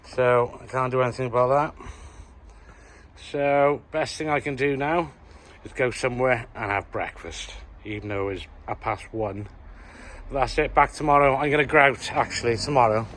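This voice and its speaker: A man's voice: mid-range voice, moderate pace, fairly bright tone. A man chatting casually to the camera as he lays a patio outdoors. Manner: chatty, jokey, talks to camera while working. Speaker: patio installer filming his work. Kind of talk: casual work vlog.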